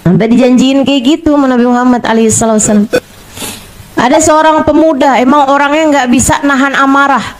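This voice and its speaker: A woman preacher, middle-aged, delivers a sermon in a high, bright-pitched voice. She tells stories with energy, repeating phrases to hammer them home and slipping into the voices of the people she quotes. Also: brisk, slight background noise, poor audio. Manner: lively storytelling, acting out quoted voices.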